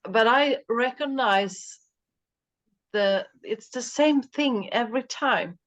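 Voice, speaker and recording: A woman's voice: a little high, slow. A woman with a Swedish accent speaking English as a second language, a podcast host sharing her experience hesitantly, searching for words with many restarts. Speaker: podcast host, mental coach. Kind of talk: casual chat.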